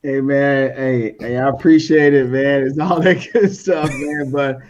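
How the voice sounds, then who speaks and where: A man's voice: medium pitch, fairly even intonation, a little slow, darkish tone, highs cut off. A man giving a motivational talk on customer service, preachy and repeating key lines for emphasis. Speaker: guest speaker.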